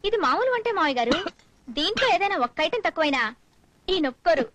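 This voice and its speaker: A proud, wronged young wife. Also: female voice, very high-pitched, big pitch swings, fast, fairly bright tone, slight background noise, full character voice. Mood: cheerful. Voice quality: emotional, earnest. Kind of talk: film acting.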